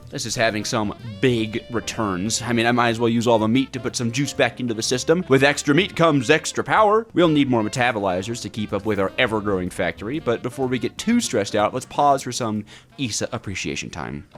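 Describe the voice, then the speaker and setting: With a mid-range, slightly bright voice, lively intonation and a fairly quick pace, a man reads scripted commentary on his own game playthrough. He plays up his reactions with theatrical, wry exasperation while background music runs.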